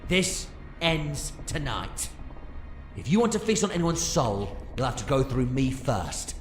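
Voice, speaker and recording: A man's voice: mid-range voice, very animated, a little slow. A man playing an eccentric, commanding alien adventurer in an audio drama, theatrically swinging between playfulness and grave authority. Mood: urgent, defiant. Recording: echoey sound with music underneath.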